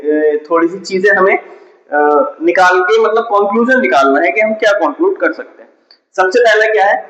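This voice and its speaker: A man's voice: high voice, sharp tone. A man teaching a math lesson step by step, often asking his students a question and answering it himself. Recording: echoey room, dull lo-fi sound.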